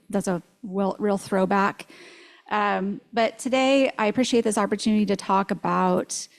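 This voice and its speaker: A woman's voice: mid-range voice, a little mellow. A woman giving a live talk to a spiritual center congregation, chatty and informal, with many ums and restarts. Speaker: guest speaker.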